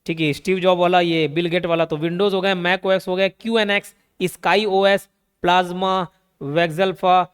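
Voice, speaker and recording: Young male tutor, bright high voice, playful mnemonic lecturing. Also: fairly even intonation, unhurried, clear, resonant tone. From India. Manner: playful, repeats key words, asks and answers his own questions. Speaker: online exam-prep teacher. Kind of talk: Hindi lecture with mnemonic tricks.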